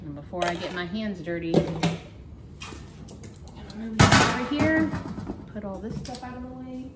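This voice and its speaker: A middle-aged woman vlogs her home cooking in a chatty, think-aloud style, talking as she works in her kitchen. Her voice is mid-range and her speed normal. Heavy background noise and clattering pans and dishes fill the recording from a camera on the counter.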